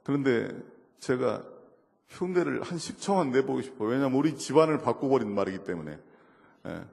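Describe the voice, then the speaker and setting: Speaking as a guest at a church service, a man from South Korea delivers an animated testimony sermon, acting out quotes in his stories and laughing along the way. His somewhat high voice carries vocal fry and a big-room sound. He swings between quiet murmuring and loud outbursts.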